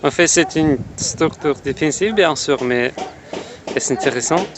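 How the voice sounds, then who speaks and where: A man from Russia with a Russian accent, a native Russian speaker, narrating a travel vlog in halting, careful phrases. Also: fairly high pitch. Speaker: travel vlogger. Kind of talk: scripted vlog narration in French. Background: music.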